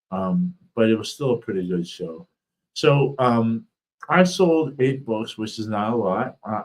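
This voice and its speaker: A man's voice: lowish voice, darkish tone, poor audio. A man with thick, slurred speech from a swollen tongue, weakened and fatigued, chatting casually on a livestream as an author and host.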